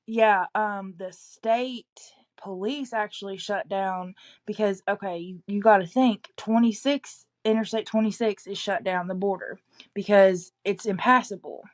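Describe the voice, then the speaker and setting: A woman from East Tennessee speaks with that region's accent in a casual, conversational update. She sounds like a local passing along news, halting at times as she backtracks and adds qualifications. Her pitch sits in an average range for a woman. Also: steady tone. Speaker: local resident giving an update.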